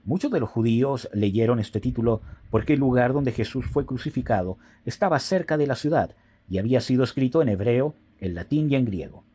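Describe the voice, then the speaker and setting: A man reading scripture aloud in a steady, solemn way. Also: medium pitch, a little fast, slightly rough. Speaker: Bible reader.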